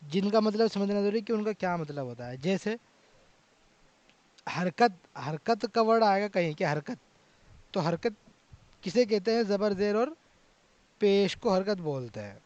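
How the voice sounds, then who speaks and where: Brief: male grammar teacher, high voice, dry dull call audio, quizzes his class as he goes. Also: expressive, long pauses, a little mellow, dry recording. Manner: drills with repeated questions to students. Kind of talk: online class lecture.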